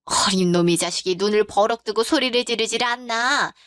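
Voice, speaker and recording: Woman voicing a scornful middle-aged mother-in-law, dismissive, blunt, slightly high voice, dry close sound. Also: moderate pace, a bit bright, smooth, no echo, close to an everyday voice. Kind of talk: storytelling drama voice acting.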